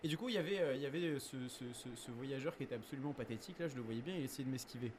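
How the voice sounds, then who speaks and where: Young man as a ticket inspector, self-assured, rapid, slightly high, faint background noise. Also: natural voice. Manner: quick, self-assured storytelling. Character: brisk male ticket inspector catching fare dodgers.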